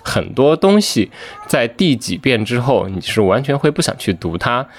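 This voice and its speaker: A man's voice: medium pitch, very animated, normal speed. A man co-hosting a book podcast, a literature teacher explaining his thoughts in a reflective, discursive way. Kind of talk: casual podcast chat.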